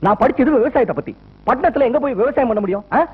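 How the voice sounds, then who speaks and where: An exasperated farmer husband. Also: male voice, very high-pitched, expressive, quick pace, husky, exaggerated voice. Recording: tinny old film soundtrack.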